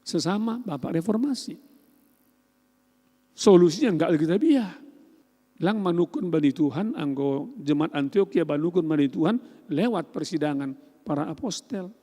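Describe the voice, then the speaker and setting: Man, pastor, sermon, high voice, echoey church hall. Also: lively intonation, moderate pace, pauses often. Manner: storytelling preacher acting out dialogues, swinging from loud to hushed.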